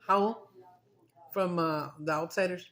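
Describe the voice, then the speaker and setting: A woman's voice: fairly low pitch, fairly even intonation, unhurried, fairly bright tone. A middle-aged woman, chatting loosely while eating on camera, swearing and slipping into Spanish. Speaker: mukbang streamer. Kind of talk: casual chat while eating.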